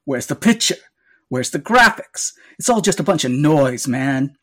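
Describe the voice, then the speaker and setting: Man putting on a surfer-dude villain, high voice, slangy drawl, over the top, comedy podcast skit. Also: animated, unhurried. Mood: sneering. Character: surfer-dude villain who hates radio, young man.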